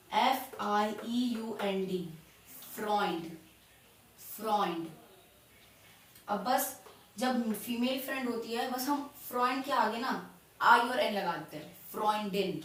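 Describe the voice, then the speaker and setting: A woman teaching a language in a casual tutorial, spelling words out letter by letter, repeating them and checking in with quick questions. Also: on the high side, fairly bright tone. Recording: very echoey room, distant mic, faint noise.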